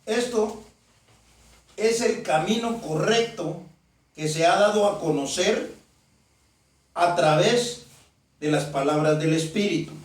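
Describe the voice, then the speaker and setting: Preacher, male, fairly high voice, emphatic sermon, recorded from a distance in a very echoey room. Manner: emphatic, repeats phrases, reads verses slowly. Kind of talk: sermon with scripture reading. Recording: very echoey, from far off the mic.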